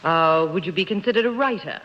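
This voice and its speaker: A woman's voice: fairly low pitch, lively intonation, fairly quick. A woman on a panel game show in a 1950s TV broadcast, asking questions hesitantly with many fillers and a playful tone. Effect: 1950s TV broadcast sound. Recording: dull echoey 1950s TV broadcast.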